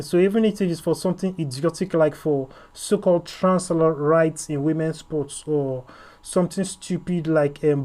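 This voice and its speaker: Male host-reviewer, higher-pitched, blunt and rambling, filler-heavy commentary. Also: a little mellow.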